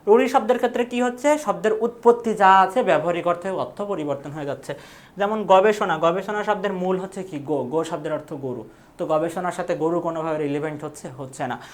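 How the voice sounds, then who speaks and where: A woman's voice: lowish voice, a little fast. A young woman teaching an exam prep lecture, asking questions and answering them herself. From Bangladesh.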